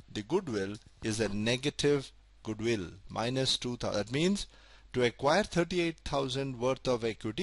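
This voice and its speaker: A man gives a recorded accounting lecture in a medium-pitched, fairly bright voice, captured dry. He's methodical, slowing down to stress key points and often repeating them.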